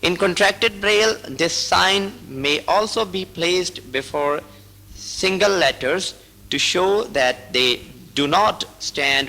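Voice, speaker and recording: A man reading out braille writing rules slowly and deliberately, in short broken phrases, like a teacher. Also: a little high, vocal fry, pushed and bright, poor audio. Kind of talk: slow instructional reading.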